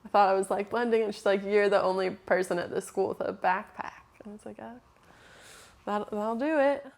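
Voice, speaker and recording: A young American woman, a student, telling stories in a lively way in a documentary interview and acting out bits of dialogue. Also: medium pitch, a little fast, vocal fry. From United States. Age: young adult. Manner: lively storyteller, acts out dialogue.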